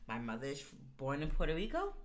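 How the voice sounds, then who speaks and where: A woman's voice: low voice, huge pitch swings, quick pace. A woman co-hosting a podcast, chatting casually and telling stories with emphasis. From United States. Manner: emphatic, storytelling. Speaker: podcast co-host.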